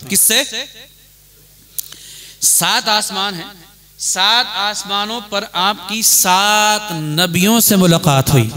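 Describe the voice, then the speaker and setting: Imam, male, slow deliberate sermon delivery, rhetorical questions. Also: high voice, sharp tone. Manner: rhetorical questions and chanted phrases.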